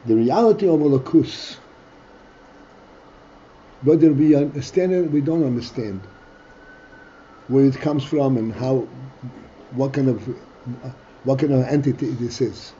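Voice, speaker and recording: A man with a mid-range, dark voice teaches a text study class, reading Hebrew phrases aloud and explaining them slowly in English. He stops now and then to clear his throat. The sound is lo-fi with slight background noise.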